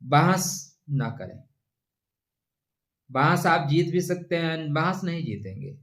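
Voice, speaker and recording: A man giving an astrology forecast, advising listeners in a measured way and calling them friend. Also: fairly high pitch, very animated, fairly bright tone. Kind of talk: horoscope talk to camera.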